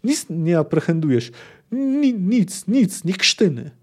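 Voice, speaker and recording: Man doing shrill, pompous old wizard. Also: sing-song, moderate pace, warm tone. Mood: indignant ranting. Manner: archaic, ranting speech.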